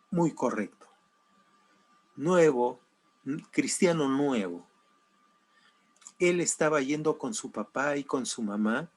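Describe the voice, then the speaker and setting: Slow-speaking male pastor telling a story. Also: mid-range voice. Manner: slow, dramatic swings between loud and hushed. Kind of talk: sermon with storytelling.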